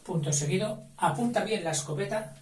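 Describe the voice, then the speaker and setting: A man with a high-pitched voice slowly dictates spelling, splitting words into syllables and naming each letter. He's recorded from afar in a noisy, reverberant room.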